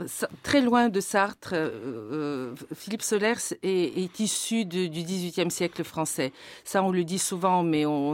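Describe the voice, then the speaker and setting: Woman, guest, measured, thoughtful, dry close sound. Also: fairly low pitch, a little mellow, dry recording. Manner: measured, thoughtful, some hesitations. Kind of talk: studio conversation.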